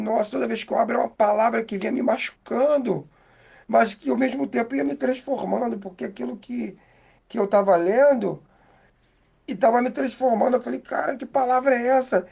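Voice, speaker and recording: A man with a Brazilian Portuguese accent giving a heartfelt, halting faith testimony as an interview guest. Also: extremely high pitch, steady tone, creaky, a little mellow, slightly rough.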